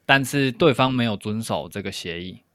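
A man's voice: fairly low pitch, animated, normal speed, a bit bright, dry recording, studio quality. A man co-hosting a podcast, explaining things step by step in casual discussion. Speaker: podcast co-host.

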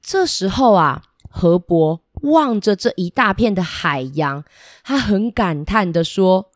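A woman tells a children's story in a lively, animated voice of medium pitch. She turns to her young listeners with questions, and the recording is close and dry. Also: takes it slowly, dry recording.

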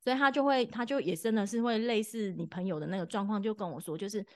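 A woman's voice: mid-range voice, fast, a little mellow, no room sound. Woman in her thirties, podcast co-host, easygoing storyteller, dry close recording. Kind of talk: casual chat.

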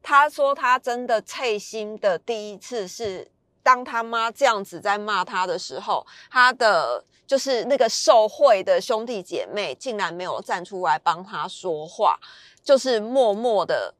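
A woman's voice: medium pitch, lively intonation, a little slow, fairly bright tone, no room sound. A woman, casually telling a story as a podcast host, chatty and emphatic. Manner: chatty, retelling a friend's story with rising emphasis.

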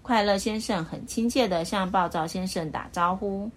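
A woman reading a children's picture book aloud as storyteller, with expressive, lively delivery. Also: medium pitch, moderate pace.

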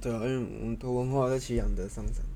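A man's voice: medium pitch, flat delivery, very fast, mellow, a little hiss or hum. A young man, chatting casually and teasing his friend with short, blunt, swearing retorts. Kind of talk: casual podcast chat.

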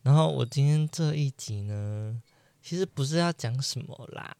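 A man's voice: mid-range voice, lively intonation, moderate pace, gravelly, a little mellow, clear, resonant tone, dry recording. A young man hosting a solo podcast, chatty and self-deprecating, acting out the voices in his own story. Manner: chatty, self-deprecating, acts out quoted dialogue. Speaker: podcast host.

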